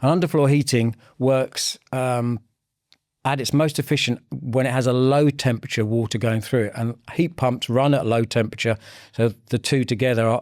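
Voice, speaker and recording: A man, a heating sales manager, explaining things as an interview guest with frequent pauses and restarts. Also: medium pitch, a little mellow, dry recording, studio quality. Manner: hesitant, many ums and restarts, explanatory.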